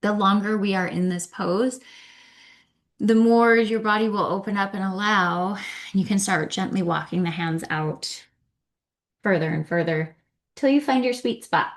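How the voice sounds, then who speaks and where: A woman teaching yin yoga, guiding each movement in a gentle, soothing, unhurried manner. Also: mid-range voice. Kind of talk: guided yoga class instruction.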